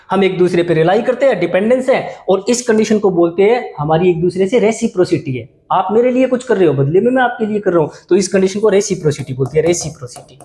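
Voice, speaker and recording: High-voiced man teaching English vocabulary. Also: dark tone, roomy sound. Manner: explains in Hindi mixed with English terms, repeats words and asks "ठीक है ना". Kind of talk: exam-prep vocabulary lesson.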